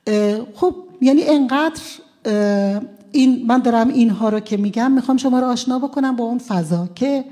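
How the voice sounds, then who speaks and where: A woman's voice: fairly high pitch, warm tone. A woman from Iran, a defense lawyer, recounting courtroom events at a press conference in a conversational way, with frequent hesitant fillers.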